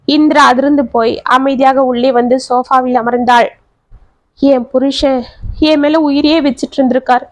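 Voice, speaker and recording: High-voiced woman reading a family story. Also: dry recording. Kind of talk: scripted story narration with dialogue.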